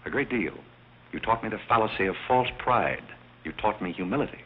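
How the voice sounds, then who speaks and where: Tinny old-film deep-voiced courteous butler. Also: male voice, lively intonation, breathy edge. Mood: gently earnest. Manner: polite, measured, understated. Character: courteous, composed, wise butler of privileged birth. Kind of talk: 1930s film comedy acting.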